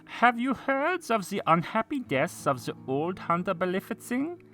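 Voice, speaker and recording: A man's voice: high-pitched, big pitch swings, normal speed, sharp tone, pitched above the performer's own voice, heavily acted. A man voicing a servile vassal bringing grim news in a gothic tale, in a hammy, theatrical stage manner. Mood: excited, deferential. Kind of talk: dramatic reading of gothic tale.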